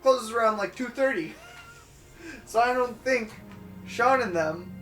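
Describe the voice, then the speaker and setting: A man's voice: very high voice, a little slow, a bit bright, echoey room, soft background music. A young man co-hosting a let's play, chatting casually and rambling through stories with lots of fillers. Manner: rambling storyteller with many fillers. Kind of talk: casual gaming commentary chat.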